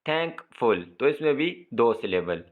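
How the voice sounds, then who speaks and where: A male teacher explaining an English lesson in Urdu, reading English slowly and then explaining it quickly. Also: mid-range voice. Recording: tinny phone-like audio.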